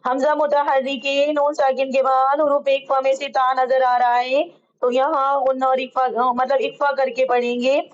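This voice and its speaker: A woman teaching how to read Quranic script, explaining each rule slowly and patiently and drawing out the words she recites. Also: sits high, little pitch movement, dull audio. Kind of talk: online Quran reading lesson.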